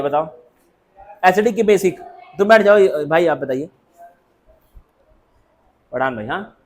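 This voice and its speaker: High-voiced man drilling a class. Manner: constant rhetorical questions, call-and-response drilling; jokey, teases and calls on students. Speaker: coaching class teacher. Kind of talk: classroom lecture. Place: classroom with students.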